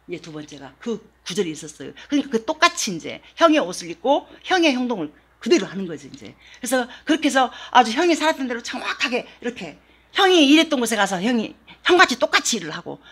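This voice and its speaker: A woman pastor preaching a story-driven sermon, dropping to a hushed near-whisper and then rising to emphatic exhortation. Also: fairly high pitch, big pitch swings, fast talker, slightly rough.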